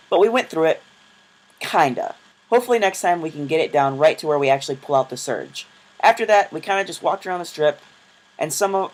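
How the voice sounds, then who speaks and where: A man's voice: a little high, rough recording. A young man narrating his travel vlog in a casual, self-deprecating storytelling voice-over. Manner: chatty, self-deprecating, quick asides. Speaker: vlogger.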